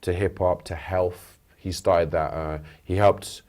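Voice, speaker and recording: A man's voice: deep voice, steady tone, slow pace, a little mellow. A man from the UK, a rapper, talking casually and thoughtfully as a studio interview guest, often restarting his sentences. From United Kingdom. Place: radio studio.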